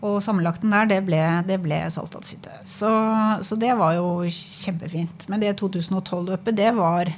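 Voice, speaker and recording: A woman's voice: mid-range voice, fairly even intonation, slight background noise. A woman with a Norwegian accent, a guest on a podcast, recalling her sled dog races in a reflective, casual way. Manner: reflective, recalls memories with pauses and fillers. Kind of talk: casual conversation.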